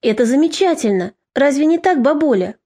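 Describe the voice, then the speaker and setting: A woman's voice: sits high, animated, a little fast, dark tone. A woman voicing a frightened young girl. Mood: hopeful.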